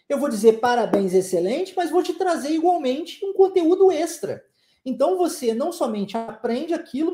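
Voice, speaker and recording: A man's voice: very high voice, warm tone, roomy sound. A man with a Southeastern Brazilian accent teaching an online language lesson, playful and making sound effects to show pronunciation. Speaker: English teacher.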